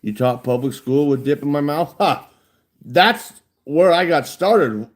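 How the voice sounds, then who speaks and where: A man's voice: on the high side, lively intonation, unhurried. A man. He talks around a lip full of dip in a blunt, folksy way, with plenty of swearing. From United States. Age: 40s. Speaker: livestreamer chatting with viewers. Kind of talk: casual chat.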